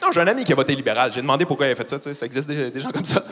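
A man's voice: mid-range voice, big pitch swings, rapid-fire, fairly bright tone. A man with a Québécois accent doing a profane stand-up comedy routine on a theatre stage, teasing the audience. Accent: Québécois French. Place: large theatre stage before a live audience.

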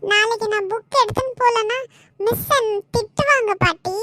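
A woman's voice: extremely high pitch, normal speed, background noise. A stubborn little cartoon schoolgirl. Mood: pleading. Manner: pleading and whiny, crying for her father. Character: young schoolgirl, stubborn and demanding. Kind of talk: cartoon voice acting.

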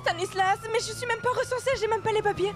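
A woman's voice: very high voice, steady tone, quick pace, crowd noise. A woman voicing a flustered young newcomer with a foreign accent in a game roleplay, panicky and protesting.

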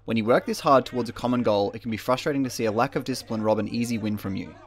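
A man's voice: mid-range voice, racing. A man narrating a scripted opinion commentary as the video's host.

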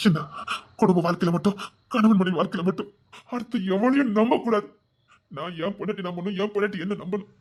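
A woman's voice: medium pitch, a little mellow, natural voice. A woman voicing a remorseful young husband, tearfully pleading and repeating apologies, in a spoken drama. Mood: anguished. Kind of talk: Tamil audio drama acting.

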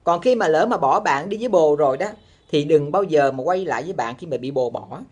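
A woman's voice: deep voice, animated, brisk, a little mellow, slightly rough. A woman with a Southern Vietnamese accent ranting comically to her audience in a blunt, exaggerated way. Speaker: vlogger.

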